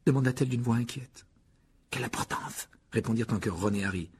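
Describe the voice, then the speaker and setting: A man reading a children's fantasy novel aloud as audiobook narration, in an expressive storytelling manner. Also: medium pitch, rapid-fire, slightly rough. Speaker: audiobook reader. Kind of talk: scripted narration.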